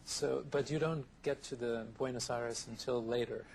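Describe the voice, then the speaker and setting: A man speaks in a thoughtful, measured way, often building lists of ideas one at a time. His voice has a gravelly creak. The sound comes from a worn VHS tape copy, with faint tape hiss underneath. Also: mid-range voice, fairly even intonation, darkish tone. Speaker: interview guest, therapist. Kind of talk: reflective interview answers.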